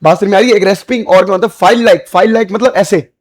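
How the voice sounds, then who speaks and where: A man's voice: sits high, fast. A man teaching biology for exam prep in speech, repeating key points, checking that students follow, and using playful memory tricks. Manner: repetitive, checks understanding, playful mnemonics.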